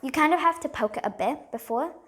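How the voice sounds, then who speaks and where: A woman's voice: sits high, quick pace, background noise. A bubbly, chatty woman hosting a casual slime vlog at a table at home, with frequent ums. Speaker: slime video host. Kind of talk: casual show-and-tell vlog.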